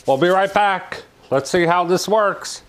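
A man reviewing a kitchen oven in a home kitchen, chatting excitedly with viewers. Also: high voice, measured pace. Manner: exuberant, chatty, calls viewers "my friends" and "baby". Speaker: cooking appliance reviewer. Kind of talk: casual cooking review.

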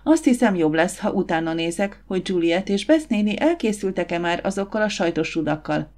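A self-assured young businesswoman, brisk and encouraging, as a woman narrator reads her. Her voice sits a little low, warm and direct in this audiobook. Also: lively intonation, natural voice.

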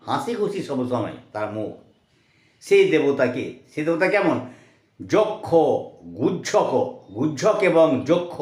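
A man teaching mantras, chanting them slowly and then explaining their meaning word by word. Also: fairly high pitch, echoey room. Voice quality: slow drawn-out chanting alternating with quick explanation.

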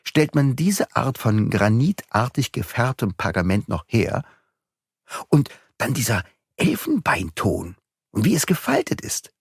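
An earnest, thoughtful young sleuth from an audiobook, voiced by a male reader. His questions rise in lively swings of pitch. The sound is close and dry. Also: measured pace, breathy edge, no room sound, exaggerated voice. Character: young, clever male amateur detective, earnest.

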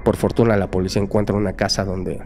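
Brief: male podcast guest, Mexican accent, lower pitch, earnest storyteller who voices the people in his tale. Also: flat delivery, fast talker, a little mellow, slight background noise. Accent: Mexican Spanish. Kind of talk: telling a true crime case in casual talk.

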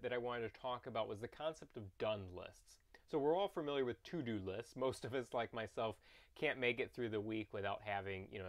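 A man in his thirties talks casually and earnestly to camera as a vlog host, recorded inside a small camper trailer a little way from the mic. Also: mid-range voice.

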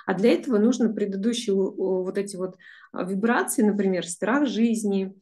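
Speaking warmly at a moderate pace and medium pitch, a woman in her forties who works as a business psychologist addresses a group over video call. She explains with earnest intent, though her speech is full of fillers.

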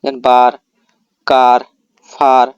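A man with a clean-toned, medium-pitched voice gives a slow, monotone pronunciation lesson as an English teacher, setting out rules step by step and answering questions he poses himself. The recording is dry, with the highs cut off.

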